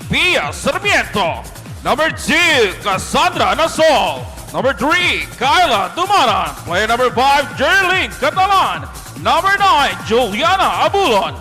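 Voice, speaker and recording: A man announcing in a hyped fighting-game style over an arena PA, projecting formal introductions with drawn-out names. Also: extremely high pitch, sharp tone. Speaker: venue announcer. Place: large indoor sports venue over the PA. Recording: long hall reverb, music.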